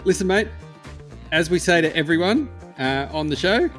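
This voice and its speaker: A man's voice: a little high, lively intonation, normal speed, fairly bright tone. Kiwi man hosting a podcast over music. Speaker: podcast host. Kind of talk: casual interview chat.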